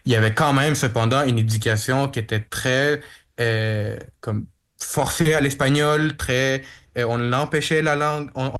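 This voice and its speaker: A man's voice: mid-range voice, a bit bright. A young man interpreting a guest's words on the radio, restarting and rephrasing often. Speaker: simultaneous interpreter.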